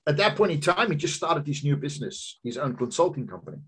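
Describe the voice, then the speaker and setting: This fifty-something business coach talks fast in a husky, somewhat bright voice with big pitch swings. He delivers an earnest slide-based seminar on a video call from his home office, picked up by a webcam, and pitches through personal stories with emphatic rises.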